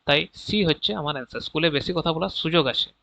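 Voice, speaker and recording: Bright-voiced Bengali man explaining exam answers. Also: fairly high pitch, quick pace, creaky, no echo. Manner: reads each question, then explains answers with frequent "ঠিক আছে?" check-ins; mixes English terms into Bengali. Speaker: exam prep teacher. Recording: dull, dry lo-fi audio.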